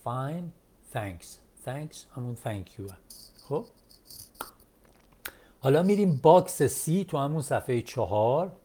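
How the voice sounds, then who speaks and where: Persian-speaking guy teaching english from a textbook, darkish mellow voice, says phrases slow and repeats them. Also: mid-range voice, sing-song, a little hiss or hum. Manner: explains pronunciation step by step.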